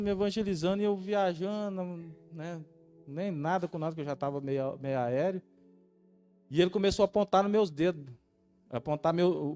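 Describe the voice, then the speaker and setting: A Brazilian man giving a testimony sermon as a missionary student, talking in a halting, conversational way with many restarts. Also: on the high side, a little mellow. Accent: Brazilian Portuguese.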